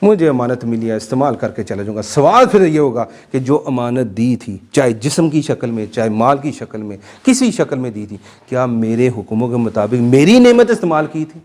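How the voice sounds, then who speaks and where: A man teaching a Quran class, lecturing with animated emphasis and putting questions to his students. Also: mid-range voice, few pauses.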